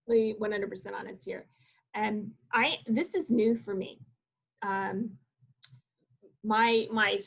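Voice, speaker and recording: Gravelly, candid woman professor. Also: a little high, rough recording. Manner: candid, animated, laughs between phrases. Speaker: guest speaker, professor. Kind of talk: casual storytelling.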